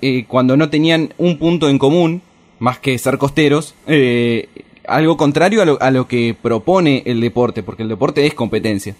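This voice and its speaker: A man with an Argentine accent, hosting a casual interview with measured, thoughtful questions. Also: mid-range voice. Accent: Argentine Spanish.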